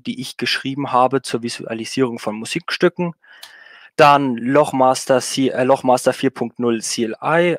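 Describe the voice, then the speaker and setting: A man giving a technical talk at an online meetup, loose and conversational, stopping to fix his own words. His voice sits at an ordinary pitch. The sound is dry and close, with no room around it. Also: no room sound. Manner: relaxed, many fillers and self-corrections. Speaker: meetup speaker.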